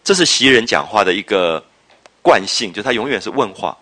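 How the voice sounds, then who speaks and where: A man lecturing on a classic novel. He explains at length in a reflective, drawn-out way, fills his talk with interjections, and checks with his listeners through rhetorical questions. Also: lowish voice, lively intonation, pushed and bright. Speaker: literature lecturer.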